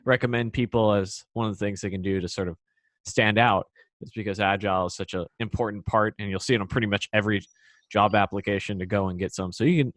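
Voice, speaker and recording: A man's voice: lowish voice, dry recording. A man co-hosting a podcast, talking in a casual, conversational way. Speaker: podcast co-host, software developer.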